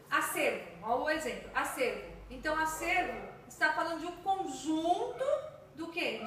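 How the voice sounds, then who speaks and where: A woman's voice: high voice, sharp tone, slight background noise. A woman with a Brazilian Portuguese accent teaching a recorded grammar lesson to children, explaining patiently and checking in with her students often. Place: room at home with traffic outside. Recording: very echoey room, far from the mic.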